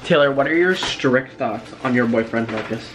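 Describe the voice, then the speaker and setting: A young man hosting a casual vlog, chatty and playful with quick asides. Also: mid-range voice, background noise. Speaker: vlogger host.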